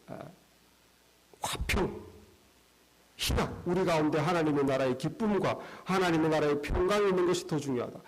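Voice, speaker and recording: Male pastor, high-pitched voice, preaching an animated sermon in a church. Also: poor audio. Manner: animated, acts out dialogue. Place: church sanctuary.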